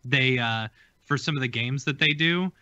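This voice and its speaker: A man co-hosting a live stream, chatty and quick to laugh along. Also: mid-range voice, pushed and bright, no echo, muffled recording. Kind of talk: casual live-stream chat.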